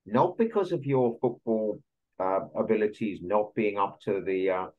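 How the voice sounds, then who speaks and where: A man's voice: fairly low pitch, animated, normal speed. A man interviewing a football coach on a video call, asking careful, probing questions. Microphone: video call laptop mic. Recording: dull lo-fi video call audio.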